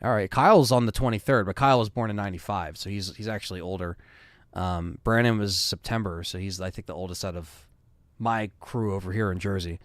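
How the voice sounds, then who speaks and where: A man's voice: on the low side, brisk, dry recording. A man in his thirties hosting a live stream, chatting casually and reading viewer comments with loose fillers. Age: 30s.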